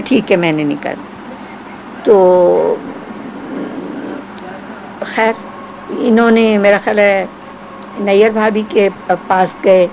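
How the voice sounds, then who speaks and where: A woman's voice: medium pitch, vocal fry, a little hiss or hum, poor audio. An older woman, a former film actress, reminiscing in an interview and acting out the voices of people she quotes. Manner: animated storytelling, acts out quoted voices.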